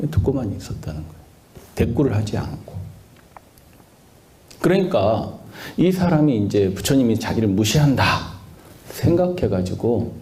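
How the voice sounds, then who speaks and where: A man gives a Buddhist sermon in a temple hall. His low, mellow voice swings widely in pitch as he puts questions to the listeners and then answers them himself. His tone stays warm and relaxed. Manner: asks the listeners questions and answers them, with lively rises and falls. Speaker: Buddhist monk preaching.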